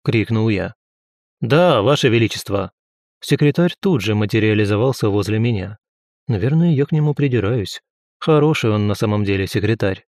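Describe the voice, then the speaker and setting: A man's voice: fairly low pitch, a little fast, a little mellow, no room sound, clean studio sound. A man narrating an audiobook in the first person, reading steadily and lightly voicing the dialogue.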